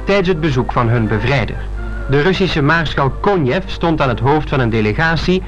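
A man's voice: on the high side, lively intonation. A man reading formal, solemn newsreel narration, heard as an old 1950s newsreel recording. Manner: solemn, measured announcer delivery. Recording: muffled old film soundtrack with music.

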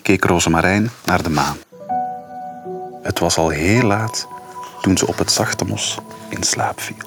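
Man, low voice, animated storytelling, children's book reading, faint music behind. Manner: lively, expressive storytelling. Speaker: radio presenter reading to his daughter.

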